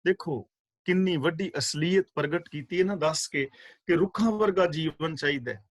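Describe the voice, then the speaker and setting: A man giving a scripture class, reciting verses slowly and explaining their pronunciation and meaning, with fervent rhetorical questions. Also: on the high side, dry recording. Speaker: katha preacher. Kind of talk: scripture exposition.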